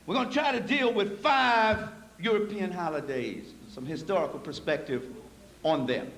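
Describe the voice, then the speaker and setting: Man lecturing, high voice, preacherly, folksy, echoey hall recording. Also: normal speed, fairly bright tone. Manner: preacherly, swings from low asides to raised emphatic points; folksy, addresses audience as y'all. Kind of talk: live public lecture. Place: hall with live audience.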